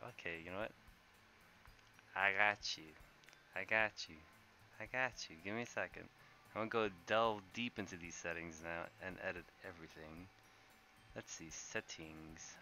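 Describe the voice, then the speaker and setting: A quiet man with a monotone, deadpan delivery, chatting casually over his game stream. His voice is fairly low yet bright and sharp, with music playing faintly behind him.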